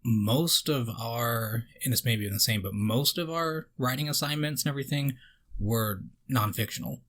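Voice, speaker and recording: A man's voice: medium pitch, normal speed, a bit bright. A man in his twenties hosting a casual conversation, easygoing and agreeable as an interviewer. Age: 20s. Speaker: host.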